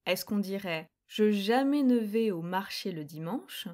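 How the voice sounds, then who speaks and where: A young woman runs a grammar quiz lesson at an unhurried pace, spelling out each rule with careful, deliberate clarity. Her pitch sits in an ordinary middle range. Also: lively intonation, a little mellow. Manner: slow, clear and deliberate explaining. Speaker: French grammar teacher.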